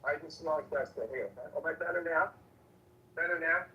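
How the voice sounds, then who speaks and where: A man on a remote link whose audio has turned muffled and weak, speaking in a halting, hedging way. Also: on the high side, sharp tone. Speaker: political commentator. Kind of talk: casual panel discussion. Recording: echoey, distant, faint noise.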